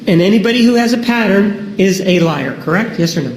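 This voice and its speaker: High-voiced man pressing questions in a courtroom recording. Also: expressive, brisk. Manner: pressing, demands yes-or-no answers. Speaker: prosecutor. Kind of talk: courtroom cross-examination. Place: large echoey courtroom. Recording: echoey courtroom recording with faint noise.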